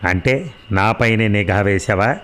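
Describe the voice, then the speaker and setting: A man's voice: on the low side, a little slow, a bit bright. A man voicing an angry, wounded young husband in a read-aloud story, hot-tempered and pleading. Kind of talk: audio drama reading.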